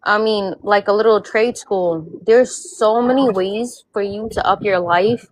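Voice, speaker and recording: A woman's voice: medium pitch, unhurried, dry recording, low-quality recording. A woman born in Puerto Rico speaks earnestly as a panel guest, pressing her point and repeating herself when she cuts in. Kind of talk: casual panel discussion.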